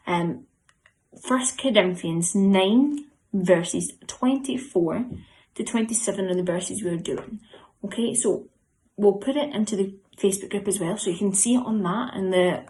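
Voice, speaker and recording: A young woman leads a children's group. She talks in an upbeat, coaxing way, sometimes hushing to a whisper. Her voice sits in a medium, everyday pitch. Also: poor audio. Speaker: youth club leader. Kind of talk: leading a children's memory-verse session.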